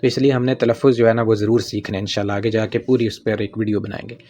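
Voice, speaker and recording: A man with a Pakistani accent teaching vocabulary in a casual spoken lesson, patiently repeating each word and often pausing with fillers. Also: lowish voice, level tone, a little mellow. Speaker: language teacher.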